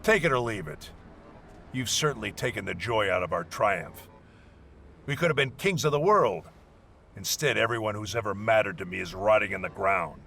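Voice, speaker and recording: A man's voice: lowish voice, lively intonation, normal speed, gravelly, bright, forceful tone, a little hiss or hum, full character voice. A man playing a hostile, bossy warrior leading a scouting mission in a video game, curt and scornful. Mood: contemptuous, bitter. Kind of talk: video game dialogue acting.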